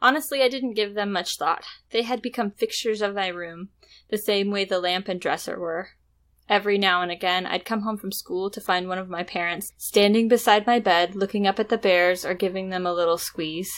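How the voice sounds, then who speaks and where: A woman co-hosting a podcast, reading a story aloud in a steady storytelling way between casual chat. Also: medium pitch, moderate pace. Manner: steady storytelling read with light laughs. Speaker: podcast co-host.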